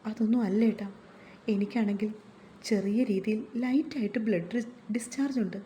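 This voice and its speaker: A woman's voice: medium pitch, normal speed, mellow, a little hiss or hum, lightly acted. A woman voicing an anxious, plaintive pregnant young wife in a read-aloud story. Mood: worried. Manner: worried, plaintive.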